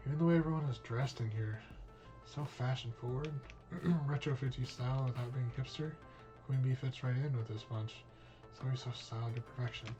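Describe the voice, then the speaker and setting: A streamer reading a visual novel aloud, voicing all parts in a casual, cursing manner. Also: male voice, medium pitch, dark tone, highs cut off. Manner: casual, reads all parts, drops in swear words.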